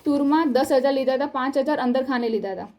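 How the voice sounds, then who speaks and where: A young woman's voice, set a little high yet mellow and soft-edged. She is a college student recounting events in an earnest, upset way. It sounds like a personal statement recorded on her own video. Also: fast talker. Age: young adult. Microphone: self-recorded video.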